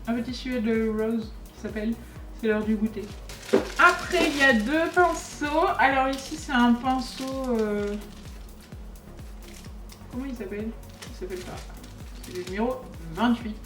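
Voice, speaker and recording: A woman's voice: on the high side, measured pace, recorded from a distance. Chatty young woman, echoey room. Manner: chatty, lively, talks to the products. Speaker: beauty vlogger. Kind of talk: casual unboxing chat. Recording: echoey room, voice a bit off-mic, faint music.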